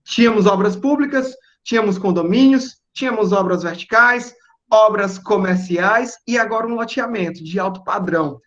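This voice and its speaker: A young man, giving a relaxed, explanatory talk to students and checking in with "né?" and "certo?". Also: high voice, moderate pace, dull audio. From Northeast Brazil. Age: young adult. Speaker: guest engineer speaking to students. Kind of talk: relaxed presentation over video call.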